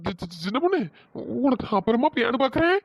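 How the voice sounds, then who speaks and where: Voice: mid-range voice, very animated, brisk, dry recording, clean studio sound. Timid stammering henpecked husband, voiced by a performer. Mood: fretful pleading. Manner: stammering, pleading. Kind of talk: cartoon voice acting.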